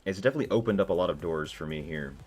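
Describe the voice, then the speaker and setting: Low-pitched and darkish in tone, he speaks very fast while livestreaming his gaming. He casually answers viewers in a loose, talkative way packed with filler words, with faint music in the background.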